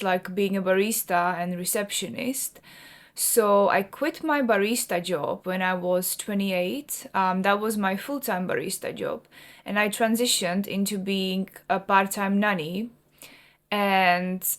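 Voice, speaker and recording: A woman's voice: mid-range voice, a bit bright. A woman in her thirties from the Czech Republic, a native Czech speaker, talking to camera in earnest and rambling fashion with many restarts. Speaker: artist and vlogger. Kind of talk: personal talk to camera.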